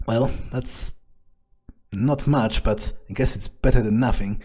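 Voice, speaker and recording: A man voices an arrogant, scheming vampire over gameplay, muttering to himself in a profane, scornful, in-character monologue. His medium-pitched voice is a little slow, with a darkish tone and a breathy edge.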